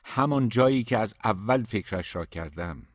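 A man reading an audiobook, voicing a calm, fatherly older uncle who teases gently. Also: on the low side, no echo, studio quality.

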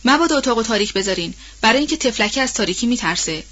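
A woman's voice: a little high, expressive, a bit bright, slightly rough, lo-fi sound. A woman voicing a grieving, drunk man who is master of the house, giving commands in her own plain voice. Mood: commanding. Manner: commanding, fixated. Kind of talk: audiobook role-play reading.

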